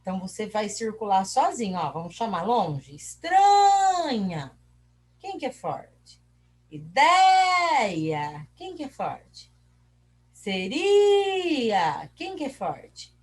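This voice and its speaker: A woman's voice: mid-range voice, big pitch swings, moderate pace, darkish tone, slight background noise. A Brazilian woman teacher explaining a lesson, asking her own questions and answering them while stretching out syllables. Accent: Brazilian Portuguese. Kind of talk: recorded class lesson.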